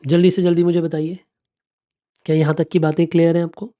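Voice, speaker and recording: A man's voice: on the high side, level tone, brisk, mellow. A man in his thirties giving a classroom lecture on finance, explaining step by step, checking often that students follow and calling them affectionately. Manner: calls students affectionately "beta" and "bachchon". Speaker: finance exam teacher.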